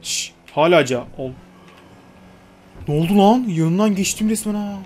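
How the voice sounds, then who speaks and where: A man's voice: sits high, animated, a little slow, darkish tone. A young man giving casual, joking gameplay commentary, chatting to the characters on screen and swearing lightly. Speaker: gaming YouTuber.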